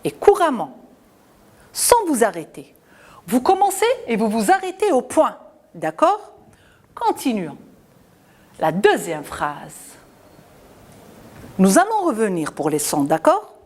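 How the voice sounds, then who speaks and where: A woman teaching young children to read, articulating each syllable slowly and clearly, repeating words, and encouraging them. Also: fairly high pitch, wildly swooping pitch. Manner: encouraging, addressing children warmly. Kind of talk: school reading lesson for children.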